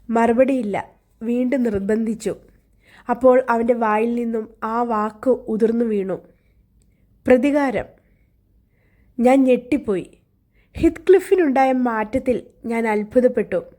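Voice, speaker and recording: A woman reads a novel aloud in the first person, keeping a steady, measured pace of storytelling. Her voice sits fairly high but sounds mellow and warm, never sharp. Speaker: audiobook narrator. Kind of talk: storybook narration.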